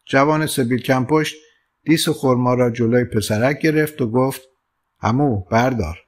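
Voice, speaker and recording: A man reading a literary story aloud as an audiobook narrator, in a calm, measured storytelling voice. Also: medium pitch. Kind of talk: scripted narration.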